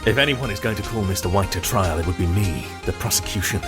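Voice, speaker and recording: A man acting a haughty, calculating prosecutor in a video game drama, formal, smug and deliberate. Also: low-pitched, natural voice. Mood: firm. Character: haughty, calculating male prosecutor, coolly superior. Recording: music clearly under the voice.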